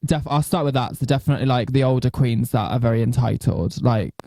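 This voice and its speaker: A man, a drag queen co-hosting a podcast in casual chat, backing up his friend and quick to chime in. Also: medium pitch, dark tone, dry recording, studio quality. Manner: chatty, backs up his co-host, quick to laugh.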